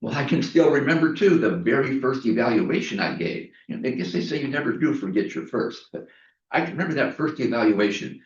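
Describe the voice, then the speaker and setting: A man's voice: mid-range voice, animated, a little fast, recorded from a distance. A man giving a prepared inspirational speech at a club meeting, storytelling with emphatic repetition. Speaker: Toastmasters speaker. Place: meeting room. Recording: echoey room, mic from afar, dull.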